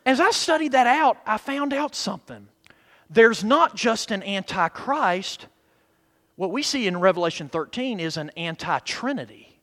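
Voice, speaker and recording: A man preaching a sermon like a TV preacher, emphatic, moving between hushed asides and loud declarations and checking in with his congregation. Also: high voice, lively intonation, unhurried. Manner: seeks affirmation from congregation with short questions. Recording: long hall reverb.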